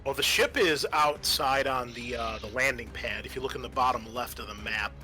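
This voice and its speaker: A game master runs a tabletop roleplaying game, loosely and casually describing moves and rulings while faint music plays in the background. His voice is mid-range, bright and forward, at a moderate pace.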